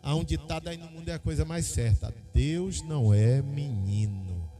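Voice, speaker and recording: A middle-aged Brazilian man preaching a sermon, telling a personal story and acting out the dialogue with lively energy. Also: a little high, normal speed, soft background music. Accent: Brazilian Portuguese. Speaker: pastor.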